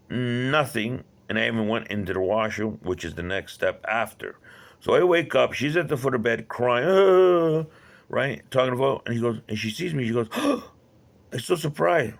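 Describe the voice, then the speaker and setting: A man with a gravelly, creaky voice tells a personal story straight to camera. He rambles and restarts, often checking in with the listener, and his telling sounds agitated. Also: fairly low pitch, fairly bright tone. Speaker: vlogger.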